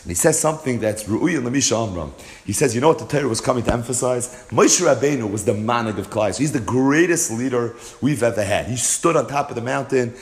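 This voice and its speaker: A man teaching a Torah class, mixing Hebrew and Yiddish terms into his English and driving points home with rhetorical questions. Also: mid-range voice.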